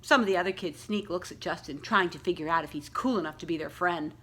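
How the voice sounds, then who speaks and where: A woman reading a children's story aloud like a school librarian, with deliberate, expressive storytelling phrasing aimed at young listeners. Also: fairly low pitch, slight background noise. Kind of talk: expressive picture-book read-aloud with questions to young listeners.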